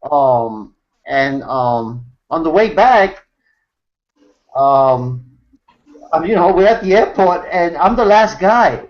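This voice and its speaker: A man's voice: on the high side, expressive, slow, pauses often, lo-fi sound. A man from New York hosting an online hangout, telling a story in a rambling casual way full of fillers and restarts. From New York City, USA. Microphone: video call.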